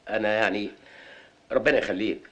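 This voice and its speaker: An actor playing a humble, fawning male factory worker with an Egyptian accent, talking fast and deferentially. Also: lowish voice, a little hiss or hum, close to an everyday voice. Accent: Egyptian Arabic. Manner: rapid, deferential and flattering. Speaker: warehouse worker.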